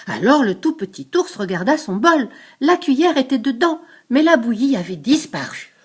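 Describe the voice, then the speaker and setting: Older woman, storybook reading, higher voice, lively, explains words. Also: moderate pace, slightly rough. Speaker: grandmother reading to a grandchild. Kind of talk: reading a picture book aloud.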